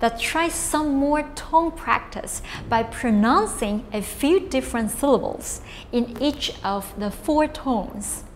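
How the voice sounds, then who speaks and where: Female language teacher, slightly high voice, very unhurried, clear drill-style delivery. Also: big-room sound, a little hiss or hum. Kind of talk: scripted lesson narration.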